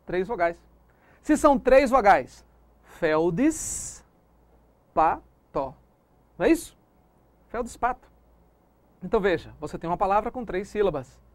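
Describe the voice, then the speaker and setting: A man's voice: high-pitched, no room sound. A man with a Brazilian Portuguese accent teaching a recorded exam-prep lesson, drilling points with call-and-response questions and putting on the student who asks them. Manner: plays the student asking himself questions.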